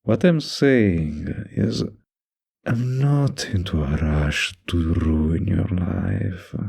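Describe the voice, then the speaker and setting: Voicing a mafia boss for intimate roleplay audio, a man sounds both menacing and kindly, his low, gravelly, husky voice mellow and exaggerated. His manner is unhurried, a bit teasing and flirtatious, and the mood is calm and wry.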